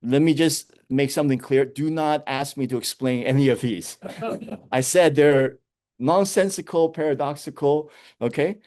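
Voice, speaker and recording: A man giving a lecture, telling Zen koans with animated storytelling and frequent chuckles. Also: a little high, moderate pace.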